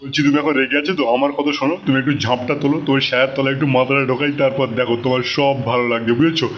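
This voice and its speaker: A man's voice: mid-range voice, fairly even intonation, very fast, dull audio, slight background noise, lightly acted. A man playing a brash, pushy middle-aged man in a comic audio drama, hot-tempered and full of threats. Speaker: the daughter-in-law's father, a co-in-law.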